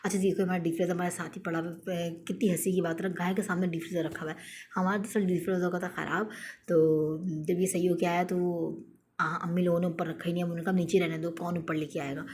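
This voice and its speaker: Chatty woman with a mellow low voice. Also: level tone, fast talker, slight background noise. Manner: chatty, storytelling with many fillers. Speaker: vlogger. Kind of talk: casual vlog voice-over narration.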